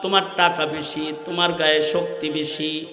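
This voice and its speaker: A man with a Bangladeshi Bengali accent preaching an Islamic sermon, chanting and rising into high shouted passages. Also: flat delivery, normal speed, reverberant, big-room sound, soft background music. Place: large outdoor religious gathering.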